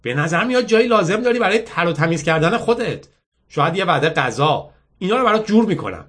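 Man putting on a high confident young woman. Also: big pitch swings, a bit bright, husky, exaggerated voice. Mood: boastful.

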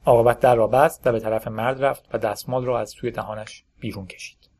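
A man narrating a story in a steady, measured audiobook style. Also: mid-range voice. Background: faint background music.

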